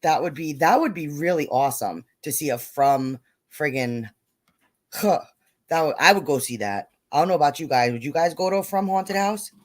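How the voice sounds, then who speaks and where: A woman with a New York accent hosting a casual live-stream chat, greeting viewers by name with excitable energy. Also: sits low, normal speed. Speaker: host.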